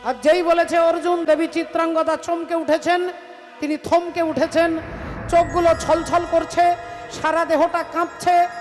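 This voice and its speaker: Female kirtan storyteller, high, dramatic delivery, reverberant hall, music behind. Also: little pitch movement, a little slow. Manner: dramatic, voices the characters.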